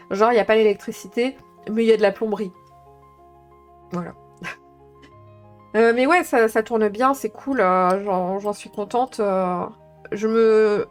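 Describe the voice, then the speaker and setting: A woman chatting casually on a live stream, thinking aloud with many fillers as she talks through tabletop games. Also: medium pitch.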